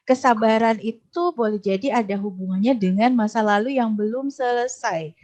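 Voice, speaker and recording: A woman from Indonesia giving a parenting talk as a coach, speaking gently and often tagging her sentences with little checking questions. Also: mid-range voice. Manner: gentle, frequent "gitu ya" tag questions.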